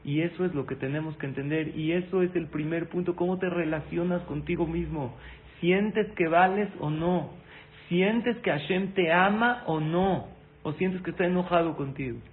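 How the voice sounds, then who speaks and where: A man's voice: a little high, normal speed. A man giving a sermon-style lesson, asking listeners questions and speaking to them directly, with Hebrew terms woven into his speech. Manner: weaves Hebrew terms into Spanish. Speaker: religious teacher. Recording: tinny phone-like audio with faint noise.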